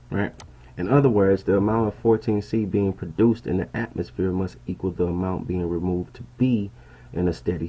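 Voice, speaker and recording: A man's voice: low-pitched, husky, dull audio. A man reading an article aloud at his laptop and commenting on it in a casual, conversational way, often tossing in "right?" and "bro.". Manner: conversational, keeps asking "right?" and calling listeners "bro". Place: indoors at a laptop.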